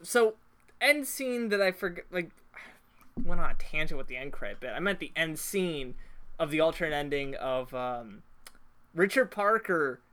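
High-voiced young man rambling about movies. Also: expressive, moderate pace, fairly bright tone. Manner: rambling, laughs often, trails off into tangents. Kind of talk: casual movie chat.

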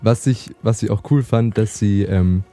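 Excitable young man, very dark voice. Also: fairly low pitch, moderate pace, soft background music. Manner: excitable, gushing, many fillers and restarts. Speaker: podcast host. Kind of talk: casual chat.

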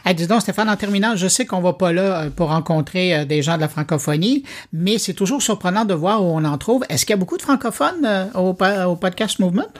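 A male podcast host, talking in a relaxed, conversational way. His intonation moves up and down freely, with quick rises when he asks a question. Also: high voice. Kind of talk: interview host, casual chat.

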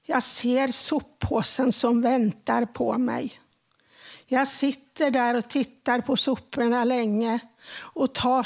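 A woman in her forties reads her own first-person text slowly and quietly, often sinking into a whisper. Her voice sits a little high, with a gravelly, husky grain. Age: 40s. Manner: slow, hushed reading that often drops to a whisper. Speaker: radio contributor.

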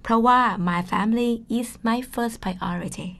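A woman with a Thai accent hosts a radio English lesson. Her voice sits a little high, and she explains each point in Thai before repeating it in simple English. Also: extremely slow, vocal fry. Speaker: radio co-host.

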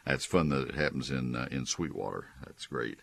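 A man hosting a call-in radio show, talking in a folksy, unhurried, conversational way with a husky voice. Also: extremely low pitch, animated, a bit bright, no echo. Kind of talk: conversational live radio talk with sponsor reads.

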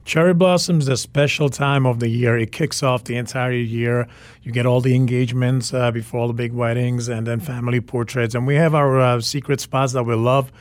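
A man's voice: medium pitch, steady tone, brisk, dry recording. A man in his forties, a native Czech speaker, guest on a radio interview, who talks enthusiastically and repeats words for emphasis. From Czech Republic. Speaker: photographer.

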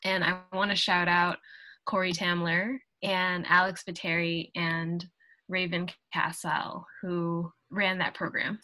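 Bright-voiced woman, thoughtful and halting. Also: fairly low pitch, flat delivery, no room sound, rough recording. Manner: thoughtful, halting, with frequent fillers and laughs. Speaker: guest artist, playwright. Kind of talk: casual interview conversation.

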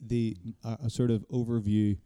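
A man's voice: lowish voice, level tone, fairly quick, warm tone, clean tone, dry recording. A man in casual podcast chat, rambling and self-deprecating, swearing now and then.

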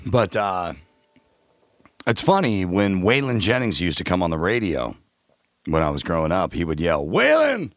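A man's voice: low-pitched, moderate pace, long pauses, no echo, clean studio sound. A man from California hosting a casual interview, talking in a loose, joking and profane way. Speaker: podcast host.

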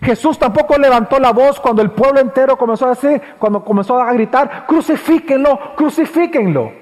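A man pastor preaching a sermon, repeating phrases for emphasis and swinging between loud high passages and low hushed ones. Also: fast, in a large hall. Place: church.

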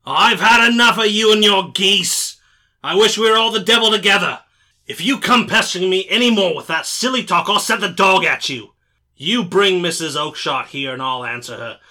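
Surly, combative market trader, played by a man; bright, forceful voice. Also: on the high side, expressive. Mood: furious. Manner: blustering, combative, quick to anger. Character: surly, hot-tempered male poultry salesman. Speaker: market stall salesman.

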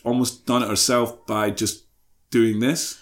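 A man as a podcast guest, chatting casually in a halting, tentative way. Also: mid-range voice, little pitch movement. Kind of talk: casual chat.

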